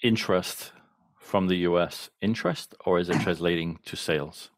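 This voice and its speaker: Low-voiced man hosting an interview. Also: normal speed, no echo. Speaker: interviewer, host. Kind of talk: conversational market update interview.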